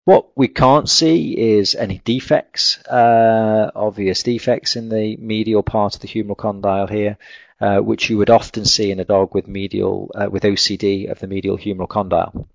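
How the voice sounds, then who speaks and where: A man lecturing on a clinical case over slides, in a measured, technical way with frequent fillers. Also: lowish voice, fairly even intonation, vocal fry, no room sound. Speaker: veterinary lecturer. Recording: dull lo-fi dry recording.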